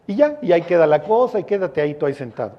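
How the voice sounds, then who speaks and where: A man's voice: on the high side, very animated, very fast, lo-fi sound. A man with a Mexican accent preaching a sermon as a pastor, in a casual, joking, storytelling way with slang.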